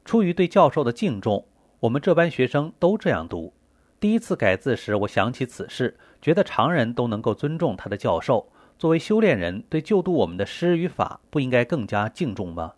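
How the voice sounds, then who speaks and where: Male reader with an animated, earnest delivery and a dry, close sound. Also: mid-range voice, brisk, no echo. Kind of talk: reading aloud a scripted text.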